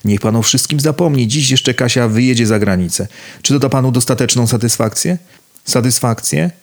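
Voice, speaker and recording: A man reading the part of an old father in an audiobook, speaking quietly, slowly and with control. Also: mid-range voice, close to an everyday voice. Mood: controlled. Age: older.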